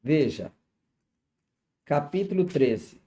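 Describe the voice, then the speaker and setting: Brazilian guy teaching bible class, kinda high voice but dark mellow tone, keeps checking in with the listener. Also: expressive, slow pace. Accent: Brazilian Portuguese. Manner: explanatory, with frequent "né?" and "tá certo?" checks. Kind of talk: Sunday school Bible lesson.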